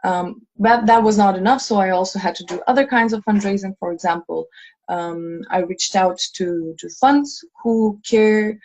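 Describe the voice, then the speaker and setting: The head of a fundraising team, a woman in her twenties from Lithuania, speaks at normal speed in a darkish, mid-range voice. She chats earnestly over a video call, restarting often and using many fillers, and the recording sounds dull and lo-fi.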